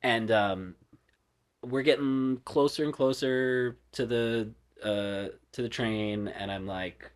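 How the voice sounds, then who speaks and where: A man guesting on a podcast, telling a story in casual chat, rambling with lots of fillers and dropping to soft murmurs. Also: mid-range voice, takes it slowly.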